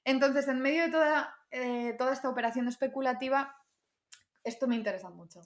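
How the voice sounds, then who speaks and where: A woman's voice: high-pitched, fairly quick. Chatty woman from Madrid, Spanish accent. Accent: Spanish from Spain. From Madrid, Spain. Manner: chatty and animated, reads old texts aloud with asides. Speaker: podcast co-host. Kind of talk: casual history podcast chat.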